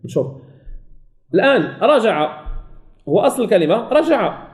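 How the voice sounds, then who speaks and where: A man teaching a Quran recitation lesson, who asks and answers his own questions and slowly repeats example words. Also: high voice, big pitch swings. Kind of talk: recorded tajweed lesson.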